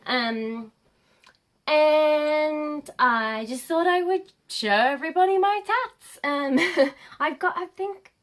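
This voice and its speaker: Nasal woman in her late twenties vlogging. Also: high-pitched. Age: late 20s. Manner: rambling, many ums and pauses. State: nasal from a cold. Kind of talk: casual chat to camera.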